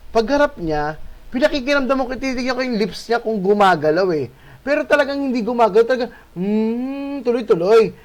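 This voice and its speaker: A male host telling a spooky encounter in a casual, animated way, swearing and adding tag questions. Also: very high-pitched, quick pace. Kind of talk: casual storytelling of a ghost encounter.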